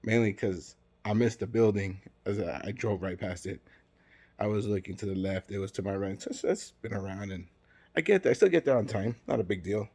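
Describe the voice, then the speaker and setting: Gravelly, low-voiced male storyteller. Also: a little fast, darkish tone. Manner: acts out dialogue, conversational asides. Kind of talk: casual spoken storytelling.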